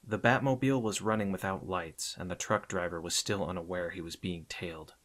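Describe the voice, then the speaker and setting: A man with a fairly low voice narrates an adventure audiobook in a measured way. He softens toward the ends of his phrases.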